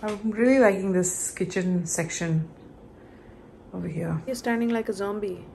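A middle-aged woman from India talks into her phone held at arm's length, rambling in a relaxed, chatty way full of fillers and restarts. The phone video picks up clear background noise from a car and the outdoors. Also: medium pitch, moderate pace. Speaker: vlogger. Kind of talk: casual travel vlog. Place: outdoors, in a car and in a small cottage. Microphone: phone camera at arm's length.

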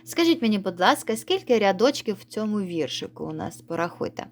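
A woman's voice: mid-range voice, big pitch swings, a little fast. A woman teaching young children a reading lesson, coaxing and sing-song, calling them pet names. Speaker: primary school teacher.

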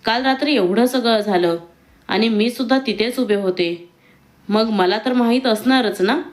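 A woman voicing a timid, hesitant young woman in a read-aloud romance story, speaking with soft pleading. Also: on the high side, moderate pace, lightly acted. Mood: questioning.

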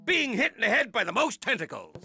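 A booming, gravelly cartoon pirate captain. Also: male voice, sing-song, fairly quick, over music, heavily acted. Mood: hearty. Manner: booming pirate talk, theatrical announcer. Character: boisterous male pirate TV captain, showy. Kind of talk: cartoon voice acting.

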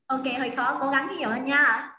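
High bright woman tutoring over a call. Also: steady tone, moderate pace, echoey room, poor audio. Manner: patient, coaxing, repeats drills. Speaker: English tutor. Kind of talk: one-on-one online lesson with a child. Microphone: video call.

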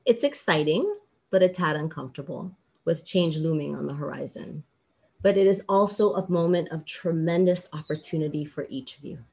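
A middle-aged woman from Hawaii, a law professor giving a formal commencement speech over a video call, earnest and measured with emphatic pauses. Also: low-pitched, darkish tone. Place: indoors, small room with plain backdrop.

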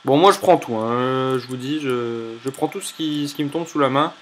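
A young man commentating his own gameplay in an animated, jokey, exclamatory way. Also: medium pitch, normal speed. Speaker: let's play host.

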